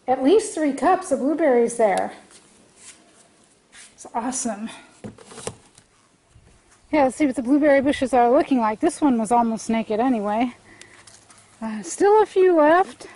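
A woman's voice: high-pitched, dark tone. A middle-aged woman with a congested throat, chatting casually as she films a walk through her sunny garden, thinking aloud with fillers and restarts. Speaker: homestead gardening vlogger. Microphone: handheld camera at arm's length.

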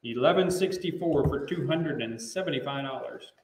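A middle-aged American man chants bids at a live auction, rhythmic and repetitive, with filler phrases throughout. His medium-pitched voice at normal speed has vocal fry and a slightly mellow quality. The distant recording in a large indoor auction room sounds roomy, with a little hiss or hum.

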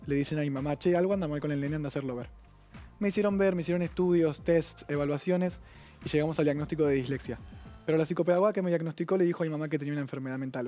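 Fast-talking young Argentine man, earnest. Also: a little high, mellow. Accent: Rioplatense Spanish. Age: 20s. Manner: earnest, rapid, reflective. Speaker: guest. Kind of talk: personal account on a TV talk show.

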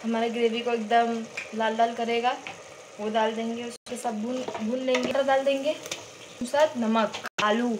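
A woman's voice: on the high side, level tone, unhurried, background noise. A woman hosting a home cooking video, chatting casually as she goes through the ingredients step by step in her kitchen. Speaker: cooking channel host.

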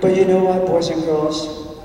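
A man tells a children's story in a large church sanctuary, asking the kids questions along the way. His voice is fairly high and level at a measured pace, heard from far off in the echoey hall amid crowd noise.

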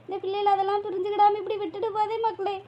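A woman's voice: extremely high pitch, level tone, racing, lo-fi sound. A woman voicing a grieving old village mother, weepy and pleading. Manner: weepy, pleading, calls listener "makkale".

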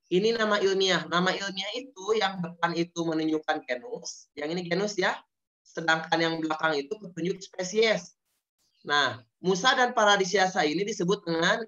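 An Indonesian man on the high side, with a sharp tone, teaches an online science lesson. Key terms get drilled over and over while he keeps putting questions to his students. It sounds dull and lo-fi, like a video call.

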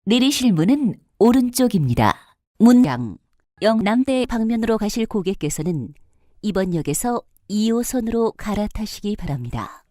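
A woman's voice: medium pitch, very animated, dark tone, dry recording, clean studio sound. Polite woman's subway station announcement. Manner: polite, measured, clearly enunciated. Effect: prerecorded subway station announcement.

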